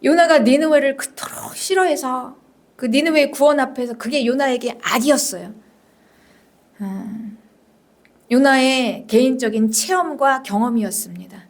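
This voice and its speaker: A woman's voice: high-pitched, a little slow. A woman senior pastor preaching a sermon, emphatic and repetitive, questioning her congregation and sometimes dropping to a whisper. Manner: emphatic, repeats phrases, drops to whispers at times; addresses the congregation directly with questions.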